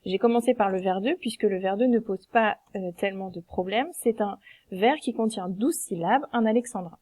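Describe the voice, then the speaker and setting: A woman teacher patiently explaining a lesson, counting syllables slowly aloud. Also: mid-range voice, darkish tone.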